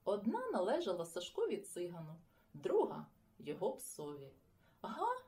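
A woman reading a children's story aloud with an expressive, lively storytelling manner. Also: on the high side, measured pace. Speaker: audiobook reader. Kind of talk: children's audiobook narration.

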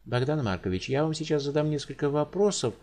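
Brief: a pompous, fussy doctor, as a male reader puts him on, pitched high, animated and soothing. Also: a little fast, natural voice. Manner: high, ingratiating, hedging.

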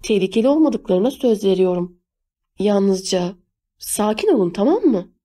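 A woman's voice: mid-range voice, big pitch swings, normal speed, mellow. A woman voicing a teenage boy who defends his friends with urgent, defensive pleading in an audiobook reading.

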